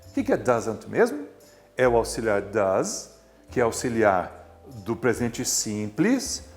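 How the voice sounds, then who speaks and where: A man's voice: mid-range voice, huge pitch swings, takes it slowly, faint music behind. A man with a Brazilian Portuguese accent teaching English grammar in a recorded video lesson, patient and explanatory, drawing out words for emphasis.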